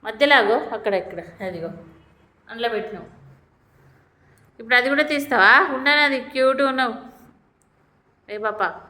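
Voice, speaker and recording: High bright-voiced woman coaxing a child. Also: moderate pace, long pauses. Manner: coaxing, playful questioning. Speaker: family member filming a child. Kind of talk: casual chat with a small child.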